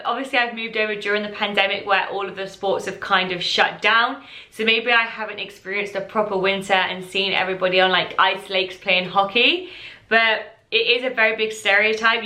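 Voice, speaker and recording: A woman's voice: medium pitch, pushed and bright. A young English woman in her twenties, chatting to her viewers as a vlogger reacting to clips. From England. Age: 20s. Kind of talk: casual reaction commentary. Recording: echoey room.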